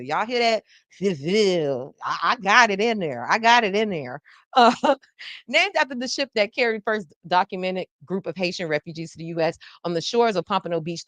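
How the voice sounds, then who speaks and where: A podcast host from South Florida runs a live news podcast, chatting casually and playfully with viewers in the chat. She is animated and playful, with a mid-range voice and no echo on the recording.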